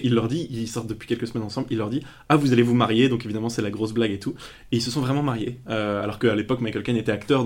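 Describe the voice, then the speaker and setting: A man's voice: mid-range voice, darkish tone. Man hosting a casual film podcast. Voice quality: storytelling manner with frequent fillers and jokes. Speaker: podcast co-host.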